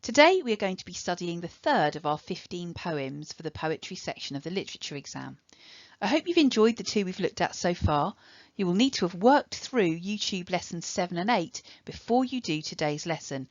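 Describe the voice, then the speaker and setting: A woman with an English accent teaching a recorded online lesson, giving clear step-by-step instructions. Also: on the low side, expressive, normal speed, dry recording, highs cut off.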